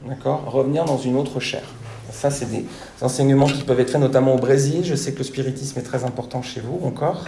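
A man's voice: medium pitch, steady tone, a little fast, creaky, warm tone, reverberant, slight background noise. A man preaching a sermon to his congregation, teaching step by step and often checking with "d'accord?". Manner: didactic, repeats "d'accord?" to check understanding. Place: church hall.

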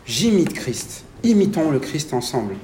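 Animated French preacher in an echoey room. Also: male voice, fairly high pitch, measured pace, slight background noise. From France. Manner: animated, asks the congregation questions. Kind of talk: sermon.

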